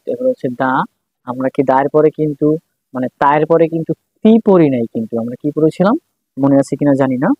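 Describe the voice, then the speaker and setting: A man's voice: mid-range voice, warm tone, no room sound, poor audio. A man teaching a writing lesson, patiently repeating syllables one by one as he writes. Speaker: language teacher.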